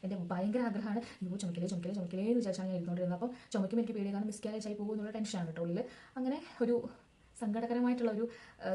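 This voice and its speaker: A woman's voice: mid-range voice, dark tone. A young woman casually telling her own story as a vlogger, in a chatty, rambling way that backtracks to add details.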